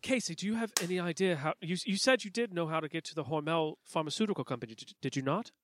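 A man playing a character in a tabletop game, talking casually with frequent halting restarts and stammers. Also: a little high, a bit bright, a little hiss or hum. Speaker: player.

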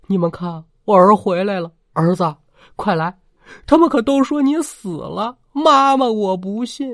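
A man voicing a grieving, half-mad old village grandmother with a hoarse, shrill, wailing voice. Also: expressive, measured pace, no echo, studio quality, exaggerated voice. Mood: frantic. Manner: sobbing pleas turning to frantic shouting.

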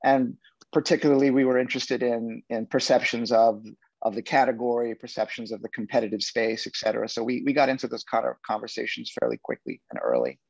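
A man speaking as a startup executive on a business panel, in halting tech-bro jargon with repeated words. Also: mid-range voice, gravelly, dry recording, muffled recording. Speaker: startup executive, interview guest.

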